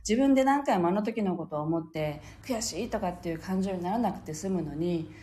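Woman in her thirties, live-stream host, casual monologue, animated swooping pitch, laughs often. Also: fairly quick, slight background noise. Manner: chatty and emotional, laughs often while telling stories. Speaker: livestream host.

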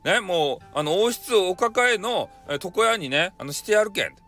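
A man's voice: high-pitched, expressive, moderate pace, sharp tone. A man doing a blunt Hakata-speaking king. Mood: bluff. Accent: Hakata dialect. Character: easygoing gruff male king with donkey ears.

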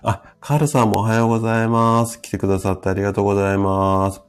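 A man in his fifties with a rough, hoarse voice, chatting casually as host of a live stream and explaining things to his listeners. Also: fairly low pitch, little pitch movement, fast. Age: 50s. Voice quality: gravelly, rough voice from drinking the night before.

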